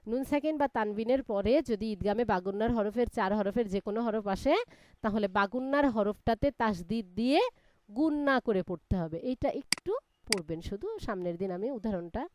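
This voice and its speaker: A woman's voice: mid-range voice, brisk, a little mellow. A woman teaching a live Quran reading class, spelling out letters one by one and patiently explaining the reading rules.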